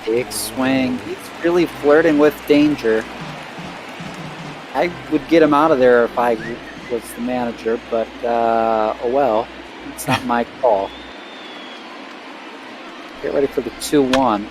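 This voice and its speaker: A man calls a baseball game play-by-play in an easygoing, conversational way. His voice sits at a middle pitch, and a steady hiss of noise runs under it. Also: takes it slowly, pauses often. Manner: relaxed, chatty, self-deprecating. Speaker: play-by-play commentator. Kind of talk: casual play-by-play of a simulated game.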